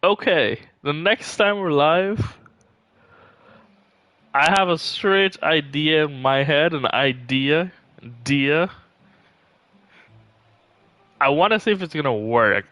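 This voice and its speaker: Music plays behind a man doing casual live gaming commentary, though the recording itself is dry. His voice is fairly high, animated and sharp, moving slowly with long pauses. As a game livestreamer, he chats and thinks aloud while playing.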